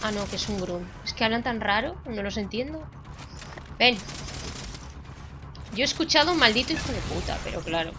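A young woman from Spain with a Spanish accent, giving excitable, swearing commentary while playing a shooter at home. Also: fairly high pitch, normal speed, long pauses. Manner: excitable, swearing, shouting at enemies. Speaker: gaming vlogger. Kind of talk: live gameplay commentary. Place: home room. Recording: game music under voice.

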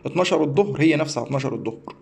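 In a screen-share tutorial, a man who teaches astrology explains a website step by step in a rambling, repetitive way, tripping over words and starting again. He has an Egyptian Arabic accent and a high-leaning voice that's gravelly yet a little mellow, delivered rapid-fire. There's a little hiss or hum in the audio.

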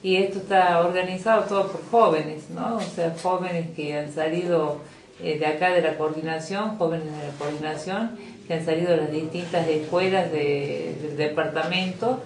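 A middle-aged Argentine woman chats about an event, filling her talk with pauses and restarts. She sits away from the mic in a small room with an echo, and a faint hiss runs behind her. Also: sits low, steady tone, darkish tone. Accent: Argentine Spanish. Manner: chatty, many fillers and restarts. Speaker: youth coordinator interviewed about a youth expo. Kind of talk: casual interview. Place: small office indoors. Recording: echoey room, distant mic, faint noise.

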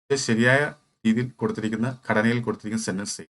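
A man's voice: fairly low pitch, steady tone, quick pace, fairly bright tone. Malayali man teaching exam grammar. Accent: Malayali English. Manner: explains step by step, asks and answers his own questions. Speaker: English teacher. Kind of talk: exam-prep lecture.

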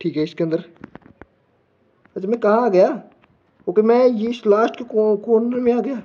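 A man's voice: high-pitched, normal speed, breathy edge, lo-fi sound. A man commenting as he plays a horror game, jumpy and panicky, talking to himself. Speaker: gamer.

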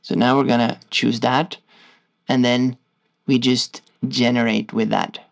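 Gravelly Norwegian-accented man explaining software. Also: mid-range voice, flat delivery, measured pace. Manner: loose, stop-start explaining while clicking through screens. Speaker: tutorial host. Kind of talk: casual software tutorial walkthrough.

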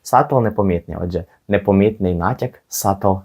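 A young man teaching English pronunciation, patiently repeating each word slowly for learners. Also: low-pitched, darkish tone, breathy edge. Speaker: English teacher on his channel.

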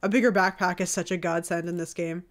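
A woman streamer giving casual, chatty commentary while she plays a game, reacting with quick exclamations. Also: on the low side, fairly even intonation.

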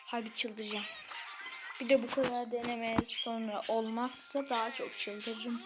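A woman giving excitable, easily frustrated commentary on a mobile game she plays, talking straight to her viewers. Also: fairly high pitch, a little slow. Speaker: gaming channel host. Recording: clear background game music.

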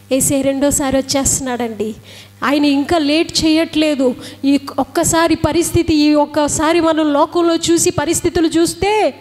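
High-voiced fervent woman preacher. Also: darkish tone, big-room sound. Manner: fervent, rhetorical questions, repeats phrases for emphasis. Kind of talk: sermon.

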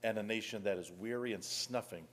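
A man preaching a sermon in a church, reading scripture emphatically and then dropping to a soft, low voice. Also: brisk, a little hiss or hum. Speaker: pastor.

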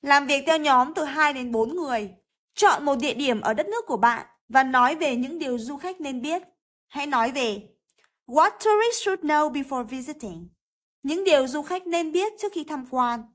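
A woman with a Vietnamese accent, teaching English lessons. She goes slowly and carefully through textbook exercises and repeats words to model their pronunciation. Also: high voice, fairly bright tone.

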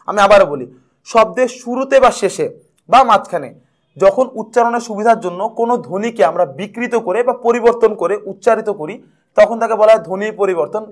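A young man teaching an exam prep lesson, lively and playful, repeating key points. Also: high voice.

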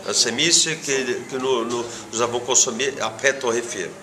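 A man in his forties who runs a coffee farm answers informal interview questions, seated before a camera in an indoor room with obvious background noise. His medium-pitched voice holds a steady tone, pushed and bright, with a Brazilian accent. He speaks French haltingly as a non-native, searching for words and repeating them.

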